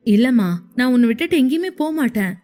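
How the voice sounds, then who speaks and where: A woman's voice: high voice, lively intonation, quick pace, warm tone. Woman voicing a soothing young husband, reassuring, light voice, audiobook. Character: young man, caring and gentle husband.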